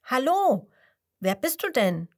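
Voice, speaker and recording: A woman's voice: medium pitch, sing-song, slow, husky, heavily acted. A woman voicing a curious young squirrel from England who asks eager questions.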